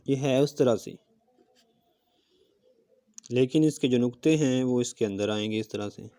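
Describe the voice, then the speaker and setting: Mellow-voiced male calligraphy teacher. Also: mid-range voice, measured pace. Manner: patient step-by-step explaining, often checking in with "okay"; talks while demonstrating strokes with a marker. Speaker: handwriting teacher. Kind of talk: recorded calligraphy lesson.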